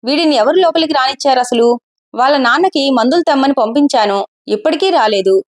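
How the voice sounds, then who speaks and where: A woman's voice: high voice, brisk, natural voice. A woman voicing a harried female doctor who scolds her staff in an audio story. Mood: angry.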